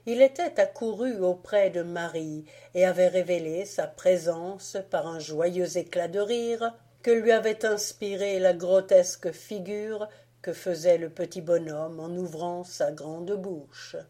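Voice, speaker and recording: A woman calmly reading a classic tale aloud as an audiobook narrator. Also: fairly low pitch, a little slow. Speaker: audiobook reader. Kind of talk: scripted narration.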